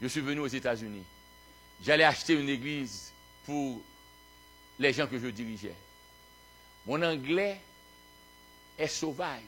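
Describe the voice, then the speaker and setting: A man from Haiti with a Haitian accent, a pastor preaching a fervent sermon that swings between quiet storytelling and shouted exhortation. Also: mid-range voice, expressive, unhurried, pauses often, slight background noise.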